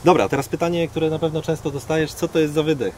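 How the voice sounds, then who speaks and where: A man's voice: fairly high pitch, fairly even intonation, fast, a crowd in the background. A man interviewing in casual chat, informal, slangy and inquisitive.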